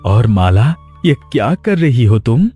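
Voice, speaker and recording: A man's voice: medium pitch, big pitch swings, measured pace, dark tone, slightly rough, soft background music. A man voicing an anxious young husband in a cartoon, pleading and eager to please. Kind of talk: cartoon voice acting.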